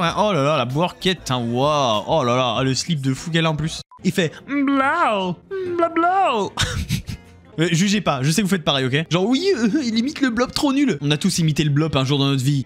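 A man streaming a video game, joking with his chat in a casual, exclamatory way. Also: high voice. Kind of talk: casual live-stream gaming commentary.

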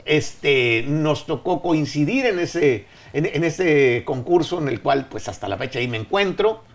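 Middle-aged male host, slightly high voice, loose joking delivery, desk mic, office set. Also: unhurried. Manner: relaxed, joking, slangy. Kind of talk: casual interview. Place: office studio. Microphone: desk mic on stand.

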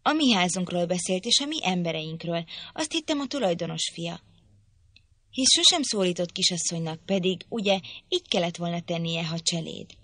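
A woman's voice: on the low side, expressive, a bit bright, no room sound. A woman reading an audiobook, voicing a spoiled, imperious young girl who talks down to others. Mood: puzzled. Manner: imperious, petulant.

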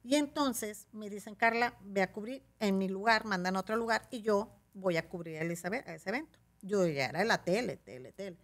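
A middle-aged woman with a Mexican accent tells a story as a guest on a talk show. Her voice sits at an ordinary middle pitch, and her delivery is animated, with the voices of the people she quotes acted out along the way. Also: fairly quick, hardly any pauses.

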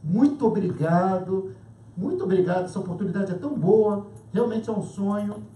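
Lively male preacher in an echoey hall. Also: sits high, moderate pace. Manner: emphatic, chatty, acts out dialogue, laughs often. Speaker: pastor. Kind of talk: sermon storytelling. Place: church hall. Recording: roomy church hall, distant mic, faint noise.

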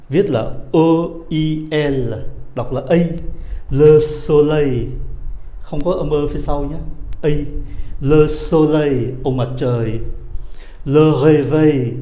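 Slow, patient man teaching pronunciation. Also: medium pitch, warm tone, roomy sound. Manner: slow, drawn-out model words between quick explanations. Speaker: French teacher. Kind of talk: pronunciation lesson.

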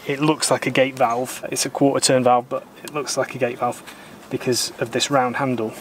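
A man in his thirties calmly explaining, step by step, how he repairs a boat part outdoors. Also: medium pitch, moderate pace, slight background noise. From Britain. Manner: calm, methodical, plain-spoken, mildly opinionated. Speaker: sailor doing boat repairs. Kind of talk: explaining repair steps while working. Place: outdoors in a garden workshop.

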